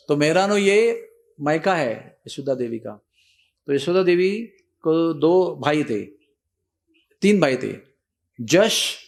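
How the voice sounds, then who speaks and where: Animated storytelling preacher, man. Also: a little high, creaky. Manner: animated storyteller, mixing English into Hindi. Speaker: spiritual teacher. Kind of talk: storytelling sermon on pilgrimage.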